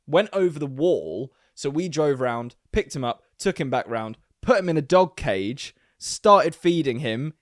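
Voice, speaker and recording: A young man co-hosting a podcast, telling a story in casual chat, animated and laughing as he talks. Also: a little high, measured pace, few pauses, no echo, clean studio sound. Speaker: podcast co-host.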